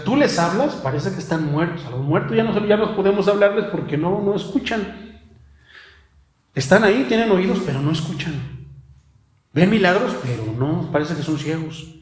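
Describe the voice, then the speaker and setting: Pastor, male; high, bright voice; sermon full of rhetorical questions, recorded in an echoey church. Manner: rhetorical questions, addresses listeners as brother.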